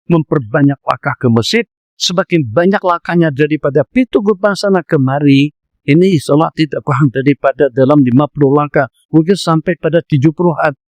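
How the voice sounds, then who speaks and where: A man's voice: a little high, no echo. A man with a Malaysian Malay accent giving a mosque lecture, telling stories animatedly and acting out the voices. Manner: animated storytelling, acts out voices. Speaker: preacher.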